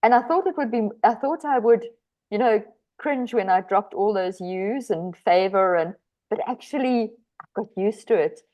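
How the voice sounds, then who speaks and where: Here a South African woman, speaking with her country's accent, appears as an author guest on a podcast. She keeps restarting hesitantly and laughs easily while answering, her voice medium-pitched at normal speed over dull audio.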